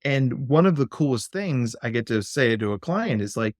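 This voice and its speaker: A man of middle pitch talks as a clinical psychologist guest on a podcast. He speaks in a lively, playful way and often breaks into goofy voices. The recording is dry and close, with little room sound. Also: normal speed, no echo. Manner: animated, playful, slips into silly voices. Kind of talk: conversational podcast interview.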